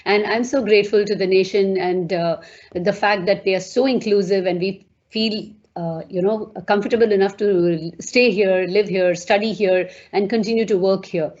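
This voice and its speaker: A woman's voice: medium pitch, fairly even intonation, moderate pace, muffled recording. A woman hosting an interview over a video call, effusive and full of fillers. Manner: warm, effusive, frequent fillers. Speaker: host.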